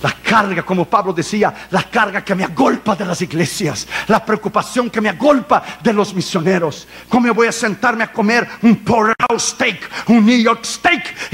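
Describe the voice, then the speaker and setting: A man's voice: high voice, moderate pace, hardly any pauses, fairly bright tone, breathy edge. A man preaching a fervent sermon to a congregation, telling a personal testimony and dropping English phrases into his preaching. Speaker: evangelist preacher.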